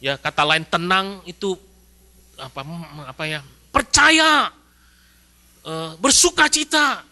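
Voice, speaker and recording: A man's voice: sits high, slow, long pauses. A male pastor from Indonesia giving a sermon in a church, chatty and full of rhetorical questions. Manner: lively, conversational preaching with rhetorical questions.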